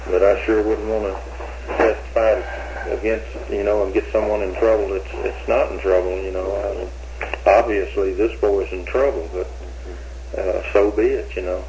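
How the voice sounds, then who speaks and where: A man's voice: lowish voice, steady tone, moderate pace, noisy background. An older man being questioned, talking in a hesitant, rambling way with many restarts, heard on an old interrogation tape recording.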